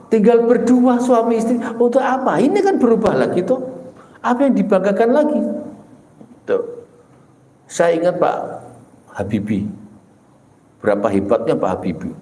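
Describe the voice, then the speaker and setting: Middle-aged male preacher, pitched a bit high, animated and jumpy in delivery, recorded in a room with echo. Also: normal speed, pauses often. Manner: animated storytelling with sudden pitch jumps. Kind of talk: sermon. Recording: echoey room.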